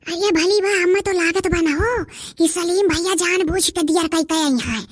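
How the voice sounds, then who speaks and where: Woman doing a shrill haggling Awadhi village woman. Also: moderate pace, no room sound. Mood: complaining. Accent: Awadhi, eastern Uttar Pradesh. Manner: rustic, complaining, haggling. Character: bargaining village woman, adult, loud and quarrelsome. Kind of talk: cartoon dub voice acting.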